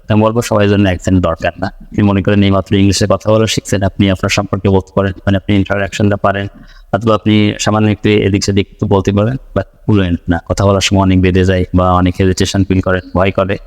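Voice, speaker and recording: A man's voice: sits low, monotone, rapid-fire, a little mellow, in a large hall. A man from Bangladesh teaching a spoken English lesson, explaining patiently and repeating his points as he writes them out.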